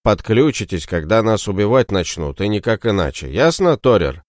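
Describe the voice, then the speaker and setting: A man reading an audiobook, voicing a calm male warband leader who gives firm, measured orders. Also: on the low side, dry recording, studio quality, lightly acted.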